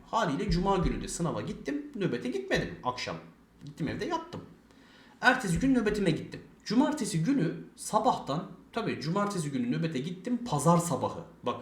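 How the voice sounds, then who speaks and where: A man's voice: fairly high pitch, echoey room. A young man telling a long story casually, swearing a lot and acting out the lines of the people in it. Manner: fast, rambling, swears a lot, acts out quoted dialogue.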